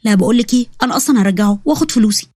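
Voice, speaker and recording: A woman's voice: fairly high pitch, racing, darkish tone, breathy edge, no echo, studio quality. A woman voicing a tired, wary young delivery worker with an Egyptian accent, who talks in a blunt, exasperated way.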